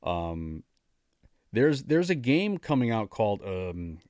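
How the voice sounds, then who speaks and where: Chatty man, podcast co-host, lowish voice, dry close mic. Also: sing-song, takes it slowly, a little mellow, no room sound. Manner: chatty, eager, stumbles over names. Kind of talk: casual chat.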